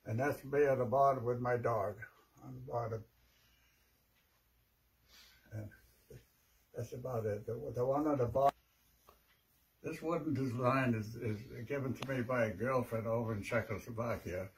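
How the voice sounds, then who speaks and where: An elderly American man, an old veteran remembering his service in a plain, halting way. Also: medium pitch, a little hiss or hum, rough recording. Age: 80s or older. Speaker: World War II veteran. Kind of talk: personal reminiscence.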